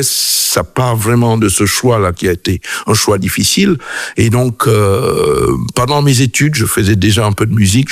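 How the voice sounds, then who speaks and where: A man's voice: lowish voice, creaky, no room sound, clean studio sound. A middle-aged man from Cameroon, a choir director and music producer, answering radio interview questions thoughtfully, with frequent hesitations.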